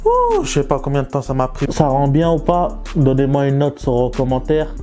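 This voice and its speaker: A young man vlogging casually while he draws. He talks in slang, mocks himself and jumps up into excited bursts. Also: medium pitch, normal speed, soft background music. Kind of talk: casual joking commentary while drawing.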